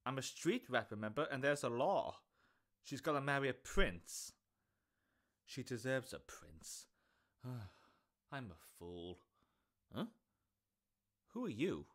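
A young man voicing a cocky but kind street thief who talks in a casual, quick-witted, joking way. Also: medium pitch, sing-song, a bit bright. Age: young adult.

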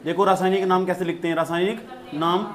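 A man's voice: high voice, steady tone, fast talker, crowd noise. A man teaching a science class, repeating key terms and quizzing his students as he goes. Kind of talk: classroom lecture.

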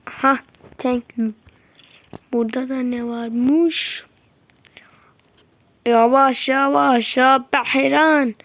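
A woman giving live gameplay commentary, excitable and slangy, yelping at enemies and muttering to herself. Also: sits high, extremely slow, long pauses, no room sound. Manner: excitable, yelps and mutters at the game; slangy and teasing, talks to enemies. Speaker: gameplay streamer.

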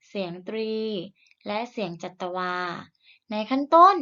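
Thai teacher woman, slow and encouraging. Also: mid-range voice, big pitch swings, lo-fi sound. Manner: slow, deliberate modelling of sounds for repetition; gentle, encouraging tone to children. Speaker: primary school teacher. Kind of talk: recorded reading lesson for young children.

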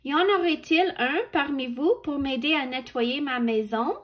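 A woman's voice: sits high, normal speed, fairly bright tone. A woman voicing a polite male hermit crab from a children's storybook, who asks sea creatures for help with courteous, admiring questions.

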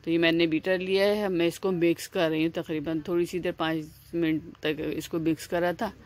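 Speaking briskly in a lowish, slightly mellow voice with little pitch movement, this cooking channel host walks viewers through each step of a home recipe. She's chatty and repetitive, peppering her casual instructions with "aa" fillers and frequent restarts.

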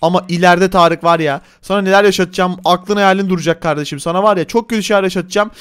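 Very high, smooth male gamer voice. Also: fairly even intonation, quick pace, fairly bright tone. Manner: chatty, teasing, addresses viewers as friends. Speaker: gaming channel host. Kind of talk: Minecraft gameplay commentary.

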